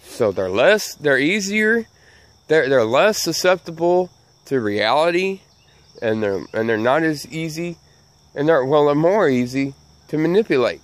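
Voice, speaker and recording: A man's voice: fairly high pitch, expressive, a little slow. A man with a Southern US accent and missing front teeth, giving a folksy, emphatic opinion rant to camera, repeating his phrases. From Southern United States. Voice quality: missing front teeth, slightly slurred sibilants. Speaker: channel host.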